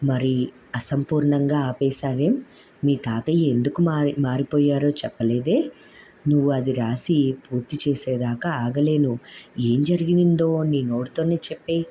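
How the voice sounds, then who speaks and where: An affectionate young husband who teases and pleads with his wife in a bright, lifted voice, as a woman narrator puts him on. The tone stays mellow and soft-edged, and his talk is light and coaxing. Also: mid-range voice, a little slow, a little hiss or hum, close to an everyday voice. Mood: teasing.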